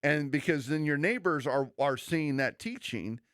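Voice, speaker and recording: A pastor co-hosts a church podcast, earnest and conversational, a little preachy, often restarting sentences and acting out quoted remarks as asides. His voice sits on the high side, expressive and slightly bright, at normal speed, recorded with studio quality and no echo.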